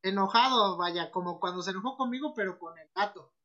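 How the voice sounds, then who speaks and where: A man's voice: sits high, brisk, pushed and bright, dull audio. A man telling a funny story in casual chat, laughing often as he goes. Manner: laughing often, mimicking voices.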